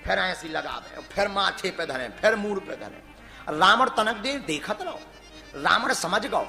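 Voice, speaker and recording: A man's voice: high-pitched, animated, a little slow, creaky, pushed and bright. A man telling a devotional story as a sermon, acting out the dialogue and chanting verses. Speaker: religious storyteller. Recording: echoey hall with music behind.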